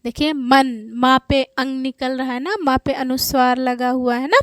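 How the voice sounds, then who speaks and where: Woman teaching Hindi, high voice, slow deliberate pace, dry close sound. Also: fairly even intonation, fairly bright tone, no room sound. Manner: drawn-out, slow enunciation of example words. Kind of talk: teaching children's Hindi lesson.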